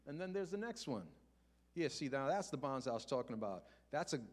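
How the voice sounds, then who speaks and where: An older man giving a conversational finance talk to a church congregation. He asks rhetorical questions and slows down to repeat key points. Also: mid-range voice, expressive. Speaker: guest speaker on personal finance. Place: church sanctuary before a congregation.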